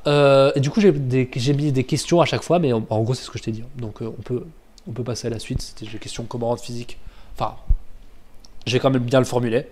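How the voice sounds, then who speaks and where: Male trainer, conversational explainer; loose delivery, frequent self-corrections, average pitch. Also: a little mellow, a little hiss or hum. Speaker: business trainer. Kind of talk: casual explanatory lesson.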